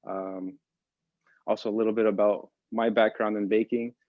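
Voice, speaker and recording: A man who grew up in the Boston area, a pastry chef casually explaining recipes to an online audience, relaxed with many fillers. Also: lowish voice, moderate pace, no echo, narrow, tinny audio. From Boston area, United States.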